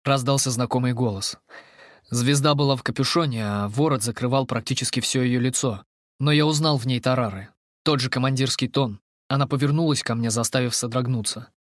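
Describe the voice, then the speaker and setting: A man reading first-person fantasy audiobook narration in a steady, measured way. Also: mid-range voice, no room sound, studio quality.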